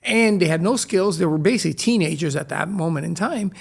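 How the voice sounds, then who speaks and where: A middle-aged man from Brazil whose first languages were Chinese and Portuguese, telling stories briskly and with energy as a podcast guest. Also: high-pitched, creaky, husky. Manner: brisk, animated storyteller. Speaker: guest, restaurant co-founder. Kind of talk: casual interview storytelling.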